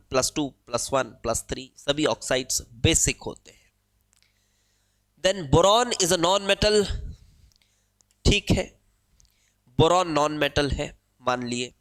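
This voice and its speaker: A man's voice: a little high, a bit bright. An Indian man teaching an exam-prep chemistry lesson, explaining step by step and asking and answering his own questions. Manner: switches between Hindi and English phrases. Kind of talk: exam-prep problem-solving lecture.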